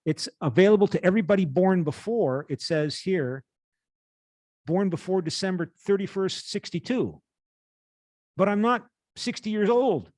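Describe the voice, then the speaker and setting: In his late fifties, this man teaches at a university, his voice sitting high with a darkish tone. He reads passages aloud and explains them in a halting manner, often rephrasing, and there's no room sound.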